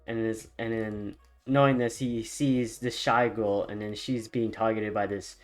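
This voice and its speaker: A man's voice: on the low side, fairly even intonation, unhurried, soft background music. A man casually telling a story as commentary while he animates, rambling and swearing, with loose fillers.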